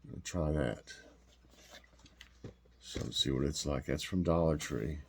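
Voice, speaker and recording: This vlog host's extremely low voice carries vocal fry and a blocked-up nasal quality, and he speaks a little slowly. He wanders through a taste test in a casual, homey ramble packed with fillers and restarts.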